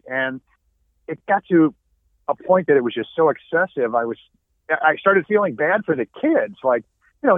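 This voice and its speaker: A man's voice: medium pitch, no room sound. A man joining a radio show over the phone as a guest, chatting casually and laughing as he tells a story. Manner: laughs while telling a story. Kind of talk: casual chat. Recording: tinny dry phone line.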